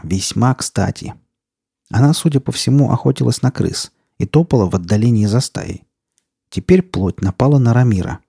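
A man reading an audiobook as narrator, in a tense, gritty storytelling manner with steady, measured delivery. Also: lowish voice, vocal fry, husky, dry recording, clean studio sound.

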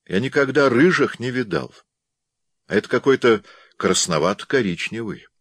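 A man reading an audiobook, voicing a gruff, weathered sled traveler named Bill with a blunt, rough-spoken manner. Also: mid-range voice, animated, moderate pace, no echo, pitched above the performer's own voice, lightly acted. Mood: wry.

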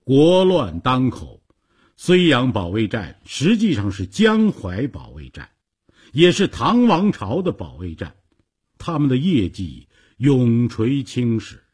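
一位男性说书人，以富有戏剧性的广播评书方式讲述故事。. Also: male voice, mid-range voice, takes it slowly, husky. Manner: dramatic, animated storytelling. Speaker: storyteller. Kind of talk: radio story narration.

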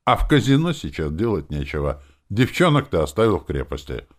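A man's voice: low voice, big pitch swings, brisk, voice pushed up. A man reading an audiobook voices a brash, foul-mouthed female demon who talks in a sly, mocking, swaggering way. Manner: sarcastic, swaggering, swears freely.

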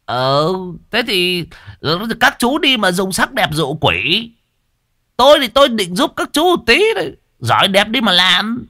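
A man voicing a scheming old man who fakes a shrill, wailing woman's voice. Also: big pitch swings, a little slow, bright, forceful tone, exaggerated voice. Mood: sulky. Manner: shrieking, wailing.

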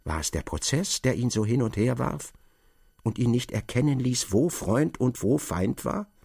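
A man narrating a literary novel in a measured, expressive storytelling manner. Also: medium pitch, creaky, slightly rough, no echo, studio quality.

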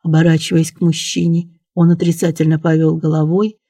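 Audiobook narrator, dramatic reading, warm dry sound. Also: medium pitch, completely flat delivery, a little fast, dry recording. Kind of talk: scripted narration.

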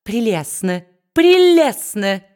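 A woman doing a high, fawning flatterer. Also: slow. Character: fawning, sycophantic male lawyer.

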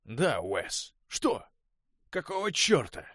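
A male audiobook reader voicing a bitter, angry young man who talks sarcastically and shouts at times. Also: mid-range voice, animated, fairly quick, dry recording, clean studio sound, pitched above the performer's own voice, close to an everyday voice. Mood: sarcastic angry. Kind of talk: audiobook dialogue reading.

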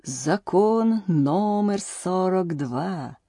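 A woman voicing a pompous, flustered old male king in an audiobook, speaking slowly and ponderously. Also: on the low side, expressive, dark tone, dry recording, clean studio sound, full character voice. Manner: slow and ponderous. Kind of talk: audiobook character voice.

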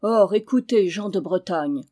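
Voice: mid-range voice, steady tone, measured pace, close to an everyday voice. A reader voicing a male herald who cries out a formal proclamation in an audiobook. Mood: solemn. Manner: loud formal declaiming. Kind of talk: audiobook reading.

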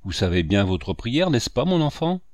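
A man voicing a gentle but firm village priest, in a grave, measured reading. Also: medium pitch, big pitch swings, dry recording, natural voice. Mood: kindly. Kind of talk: audiobook character reading.

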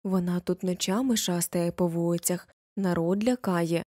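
A woman's voice: fairly low pitch, steady tone, normal speed, a little mellow, no room sound, clean studio sound, natural voice. A woman voicing an unfriendly teenage village boy who speaks in warnings and ominous hints, in an audiobook. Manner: secretive, warning tone.

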